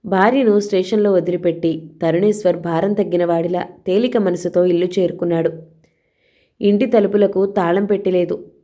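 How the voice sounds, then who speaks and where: A woman storyteller giving a steady, dramatic scripted narration of a crime story. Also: lowish voice, normal speed.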